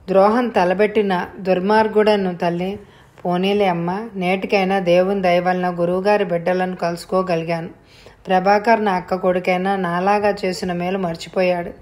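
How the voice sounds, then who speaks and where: Woman doing a sorry old uncle, choked up and teary, soft voice, audio story. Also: medium pitch, close to an everyday voice. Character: remorseful older man, a repentant uncle.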